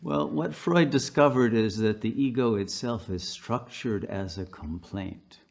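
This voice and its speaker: A man's voice: mid-range voice, a little slow, gravelly. A male pastor delivering a sermon, telling stories unhurriedly with frequent fillers.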